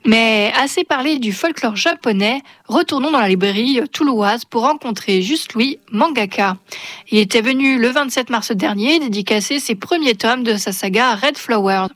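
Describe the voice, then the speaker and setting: A woman's voice: fairly high pitch, animated, moderate pace, a bit bright, no room sound. Woman host reading a script, dry sound. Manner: smooth, read from script. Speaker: radio host. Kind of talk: scripted narration.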